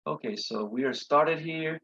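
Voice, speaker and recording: A chemistry instructor gives an informal review lecture in an online video session from his computer. His voice is tired, worn and husky, a little shot, yet somewhat high, bright and forceful, and he speaks haltingly, often checking in with "okay?" and "right?" The audio is slightly dull and lo-fi.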